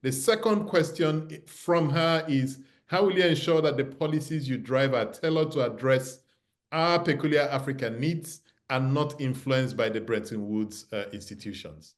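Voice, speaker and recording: A man's voice: medium pitch, moderate pace. A male host steadily reading out questions sent in by the audience.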